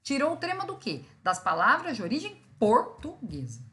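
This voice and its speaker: A woman teacher delivers a recorded grammar lesson step by step, checking in with her students and slowly sounding out syllables for emphasis. Her voice sits on the high side, a bit bright, with pitch that swoops wildly.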